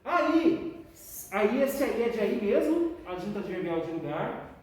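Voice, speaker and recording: A woman's voice: medium pitch, very animated, a little slow, a little mellow. A woman teaching a class, explaining patiently and often checking in with the students. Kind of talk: classroom lesson. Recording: echoey room, distant mic, faint noise.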